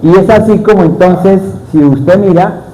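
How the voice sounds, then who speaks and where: A man's voice: high-pitched, measured pace, dark tone, low-quality recording. Preacher man, questioning. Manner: asks the congregation questions. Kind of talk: sermon.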